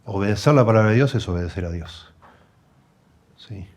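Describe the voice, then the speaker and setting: A man preaching with a Rioplatense Spanish accent and a rather low voice. He explains the text patiently and asks the congregation rhetorical questions. He builds through emphatic repetition and then drops into quiet, low-key asides. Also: normal speed. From Argentina. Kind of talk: expository sermon.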